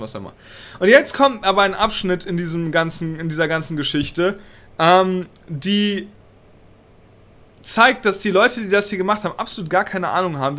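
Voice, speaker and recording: Reading a law text aloud and picking it apart, a young political commentator with a cold gets agitated, curses and drops in English words. He speaks in a high, fairly bright voice from a small indoor room.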